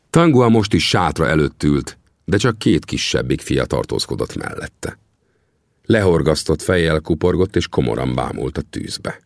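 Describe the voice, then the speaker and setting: A man reads a first-person adventure audiobook, his low voice full of gravel. His delivery swings up and down with lively storytelling. The booth sounds dry and close. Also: no echo. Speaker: audiobook narrator.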